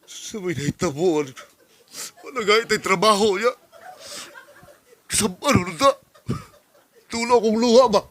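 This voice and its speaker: A male pastor from the Philippines preaching a sermon as an animated story, acting out dialogues. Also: sits high, normal speed, long pauses.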